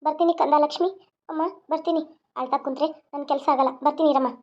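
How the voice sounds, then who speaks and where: A woman's voice: sits high, fairly even intonation, fast, pitched below the performer's own voice, close to an everyday voice. A woman voicing a tearful young police mother. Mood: anguished. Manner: tearful, pleading, tender. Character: young mother, police officer, anxious and loving. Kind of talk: cartoon voice acting. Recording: dull lo-fi sound.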